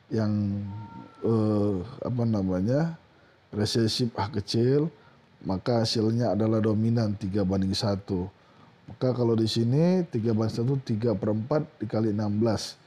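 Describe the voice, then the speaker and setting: A man with a mellow, dark-toned voice works through a list of exam questions like a teacher. He reads each question and its answer in a steady, plain lecturing manner, pausing now and then to find a word. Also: mid-range voice.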